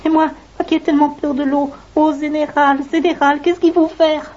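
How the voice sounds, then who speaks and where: A woman's voice: high voice, little pitch movement, normal speed, a little mellow, highs cut off, lightly acted. A woman voicing a timid, stammering male ant soldier who pleads in fear with his general. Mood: frightened.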